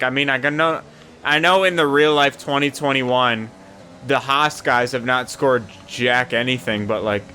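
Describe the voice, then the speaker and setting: A young man casually commentating his own racing game session, swearing often and rambling between excited yelps. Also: medium pitch. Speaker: gaming YouTuber.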